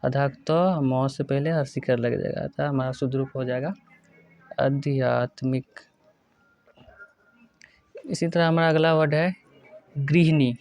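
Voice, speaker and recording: A male teacher giving a spelling lesson, working through words one by one and repeating each correct form slowly. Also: a little high, fairly even intonation, a little mellow, dry recording, faint music behind. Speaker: Hindi grammar teacher. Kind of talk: exam-prep lesson.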